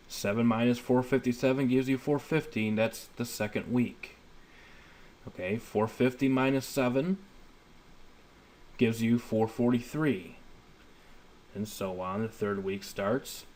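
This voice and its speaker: Speaking slowly with long pauses, a thirtysomething man in a medium-pitched, slightly mellow voice walks through scripture in a plainspoken, informal Bible lesson. He goes step by step and keeps checking for understanding, and the homemade voice-over is noisy.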